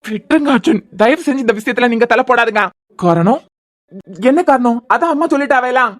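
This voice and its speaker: A woman's voice: on the high side, animated, fairly quick, lightly acted. A woman voicing a resigned young man in a cartoon serial, with a Kanyakumari Tamil accent. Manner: pleading, resigned. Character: meek young man deferring to his mother.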